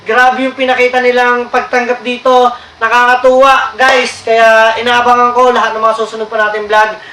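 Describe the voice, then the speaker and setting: A man's voice: very high voice, level tone, moderate pace, pushed and bright. A man hosting his own vlog outdoors by the sea, chatting casually and thanking his viewers often. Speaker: vlogger host. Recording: echoey with faint noise.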